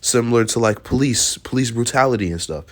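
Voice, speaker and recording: A man's voice: mid-range voice, a little fast. A man hosting a reaction video, talking casually and bluntly, swearing freely and laughing often.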